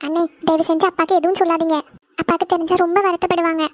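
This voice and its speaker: A woman voices a gentle young bride-to-be in a cartoon who speaks softly and pleads. The voice is very high and quick, and close and dry on the mic. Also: little pitch movement, dry recording. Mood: pleading. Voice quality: soft and pleading. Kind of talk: cartoon voice acting.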